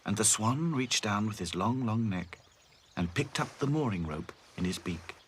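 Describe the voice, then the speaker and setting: A man narrating a children's cartoon in a gentle, lilting storybook manner. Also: lowish voice, animated, normal speed, slight background noise.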